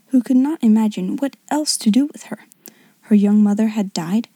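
Breathy woman narrating softly. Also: on the high side, dry recording. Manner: soft, half-whispered reading. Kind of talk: audiobook narration.

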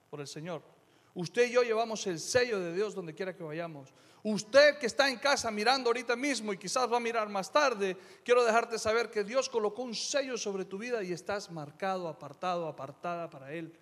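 High-voiced preaching man in a reverberant hall. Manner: emphatic preaching, swings between soft asides and loud declarations. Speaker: pastor. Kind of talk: sermon.

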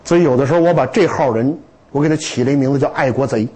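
A man lecturing to students in a lively, humorous way, with stories and rhetorical questions. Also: mid-range voice, fast, slightly rough, low-quality recording.

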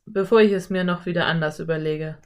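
A woman's voice: fairly low pitch, fairly even intonation, fast, close to an everyday voice. A woman voicing a friendly, laid-back male cowboy in an audiobook. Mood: hearty. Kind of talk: audiobook character voice.

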